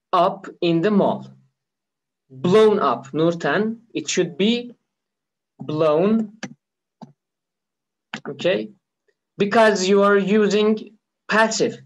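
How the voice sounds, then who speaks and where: Persian-accented man as a patient online English teacher, high voice, dull lo-fi audio. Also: slight background noise. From Iran. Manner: patient, repeats key words slowly. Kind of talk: live online lesson.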